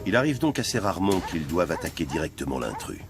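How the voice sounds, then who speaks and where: A man's voice: low-pitched, very animated, quick pace. A man reading scripted narration for a nature documentary in speech. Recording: music bed under narration. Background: music.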